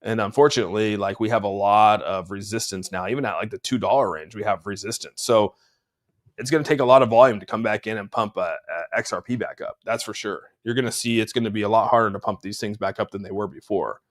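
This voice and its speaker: A fast-talking man with a lowish voice hosts a crypto livestream from a room at home. Sounding slightly congested, he rambles laid-back over charts, fields live chat, and says "dude" a lot.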